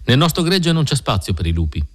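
A man's voice: mid-range voice, big pitch swings, fast talker, pitched above the performer's own voice. A man doing a solemn, commanding pioneer leader. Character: stern solemn male pioneer leader, about thirty.

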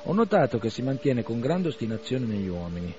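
A man's voice: medium pitch, big pitch swings, fairly quick, close to an everyday voice. A man reading the part of a blunt, scornful young man who mocks and provokes his friend, on a slightly dull radio recording. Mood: mocking. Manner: sarcastic, forceful.

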